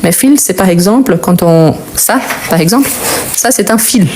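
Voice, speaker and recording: A woman's voice: medium pitch, lively intonation, normal speed, darkish tone, a little hiss or hum. A woman teaching a live French grammar lesson, explaining patiently and repeating key words.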